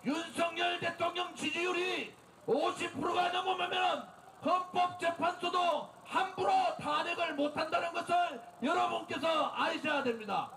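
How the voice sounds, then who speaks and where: A man delivering an impassioned, declamatory political rally speech as the leader, exhorting listeners and shouting slogans. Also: very high-pitched, fairly even intonation, measured pace, over music. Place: outdoor street rally in front of a building. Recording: outdoor PA, echoing, distant, noisy crowd.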